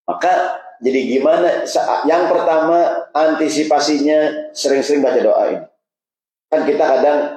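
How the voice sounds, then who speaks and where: A man's voice: medium pitch, mellow. A man preaching a casual, humorous sermon, joking and asking the audience questions. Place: mosque hall. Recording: roomy mosque echo.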